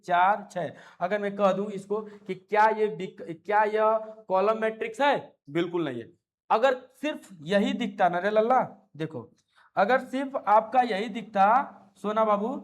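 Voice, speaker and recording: A man teaching an online maths lecture, coaxing and repetitive, who keeps asking his students questions and calls them affectionate pet names. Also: high-pitched.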